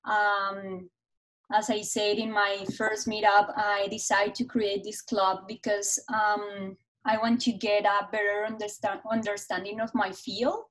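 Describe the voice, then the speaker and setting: A woman's voice: mid-range voice, little pitch movement, measured pace, a bit bright, low-quality recording. A young woman, not an English speaker, hosting a museum reading club on a video call and often searching for words. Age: young adult.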